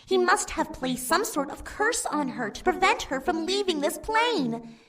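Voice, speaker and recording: A woman voicing a grave, worried female demon in a hushed tone while reading a game aloud. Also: very high-pitched, animated, unhurried, exaggerated voice.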